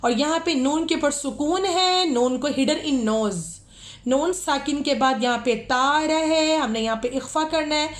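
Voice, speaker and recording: A woman teaching tajweed in a lesson, chanting verses slowly and melodically, then explaining the rules in quick speech. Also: high-pitched. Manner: slow melodic recitation, then rapid explanations. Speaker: Quran recitation teacher.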